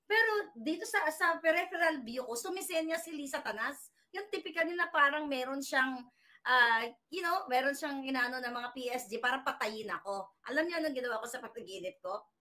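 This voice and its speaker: A woman's voice: high-pitched, fairly quick. A woman vlogger from the Philippines casually recounting a dream in a chatty, rambling way, with many restarts and fillers. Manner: animated retelling of a dream. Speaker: political commentary vlogger. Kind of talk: casual storytelling monologue.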